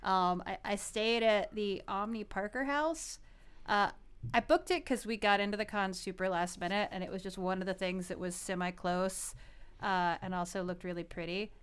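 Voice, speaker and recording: A woman's voice: mid-range voice, normal speed, clear, resonant tone. A woman in her thirties co-hosting a podcast, chatting casually with lots of "like," restarts and giggles. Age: 30s. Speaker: podcast co-host. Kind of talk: casual chat.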